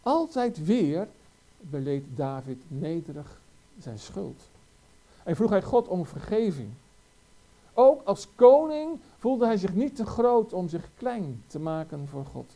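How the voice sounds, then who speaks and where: A preacher delivers a sermon in a warm, dark voice. The pitch swings widely as the preacher presses question after rhetorical question on the listeners. The delivery is earnest and emphatic throughout. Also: very animated, slow pace.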